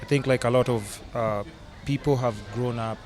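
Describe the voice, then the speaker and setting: A man's voice: medium pitch, fairly even intonation, moderate pace, over music. A young Kenyan man hosting a casual podcast conversation, chatty and teasing, laughing often. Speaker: podcast host.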